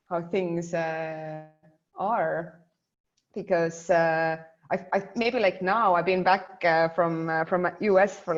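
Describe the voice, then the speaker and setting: A woman's voice: on the low side, lo-fi sound. A young woman from Estonia talking casually in an interview, full of fillers and restarts. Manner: chatty, many fillers and restarts.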